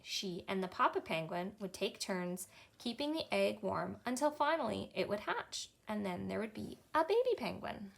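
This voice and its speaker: In a small indoor library room, a children's librarian in her thirties reads a picture book aloud in a cheerful, expressive storytime style. Her Canadian English voice is mid-range and gravelly, and she keeps a moderate pace.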